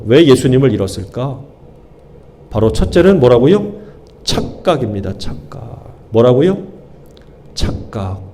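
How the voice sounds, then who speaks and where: This sermon comes from a male pastor whose medium-pitched voice is dark and carries vocal fry. He repeats key words for emphasis and peppers the congregation with call-and-response questions.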